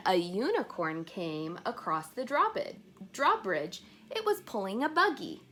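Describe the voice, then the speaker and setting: Reading to young children from an illustrated chapter book, this woman uses a fairly high voice with a little hiss or hum in the background. She's expressive, stopping now and then to put questions to the kids.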